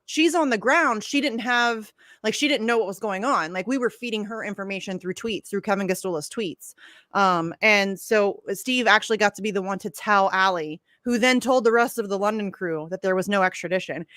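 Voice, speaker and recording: A woman's voice: mid-range voice, moderate pace, a bit bright, dry recording, studio quality. A young woman co-hosting a casual podcast, talking animatedly, laughing often and swearing freely. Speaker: podcast co-host. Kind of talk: casual chat.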